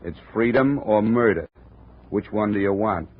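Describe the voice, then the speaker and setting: His voice sits on the low side, with lively intonation and normal speed, and there's slight background noise. Playing a hardboiled insurance investigator in a 1950s radio drama, he narrates and acts with dry, clipped delivery on a tinny old radio recording.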